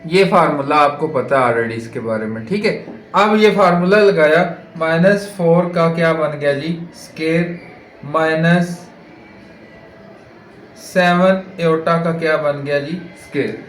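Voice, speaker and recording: A man's voice: on the high side, unhurried, fairly bright tone. A man lecturing as a math teacher, working through problems step by step and asking rhetorical questions as he goes. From Pakistan. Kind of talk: board lecture solving exercises. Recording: echoey room with faint noise.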